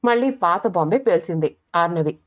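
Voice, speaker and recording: A woman narrating a short story in a steady, matter-of-fact reading voice. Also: on the low side, brisk. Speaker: audiobook narrator. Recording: tinny phone-like audio.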